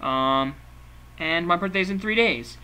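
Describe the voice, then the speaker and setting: A man's voice: fairly high pitch, lively intonation, a little slow, bright, forceful tone, clear, resonant tone. A young man in his twenties chatting casually in a late-night vlog, rambling and laughing as he goes. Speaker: vlogger.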